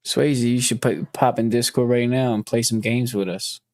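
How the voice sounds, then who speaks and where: A man's voice: medium pitch, fairly even intonation, normal speed, darkish tone, no room sound. A man hosting a podcast in casual chat, loose and joking with plenty of swearing. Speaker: podcast host.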